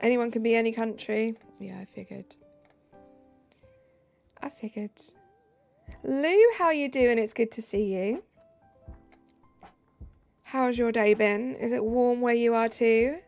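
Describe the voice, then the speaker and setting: Her voice is fairly high, slow and creaky, somewhat mellow, with long pauses. Streaming from home with faint background music, this southern English woman games while chatting to viewers, reading their comments aloud and replying amid trailing fillers.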